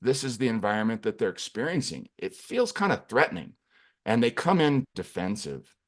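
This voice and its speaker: A man presenting a clinical webinar lecture in an animated, playful way, acting out voices. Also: lowish voice, normal speed.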